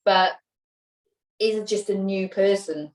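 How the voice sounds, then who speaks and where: A Welsh woman in her thirties talks loosely in a casual interview, rambling and restarting her sentences. Her voice sits at a middle pitch. It sounds roomy and slightly distant from the microphone. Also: takes it slowly, noisy background. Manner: chatty, rambling, with many fillers and restarts. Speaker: interview guest, mother. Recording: roomy sound, voice a little off-mic.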